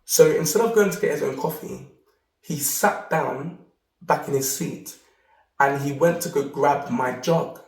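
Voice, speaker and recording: Gravelly man telling a story in a roomy space. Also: a little high, unhurried, far from the mic. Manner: rambling, repeats words, animated when quoting. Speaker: self-help video host. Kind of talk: casual storytelling monologue. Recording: roomy, off-mic sound.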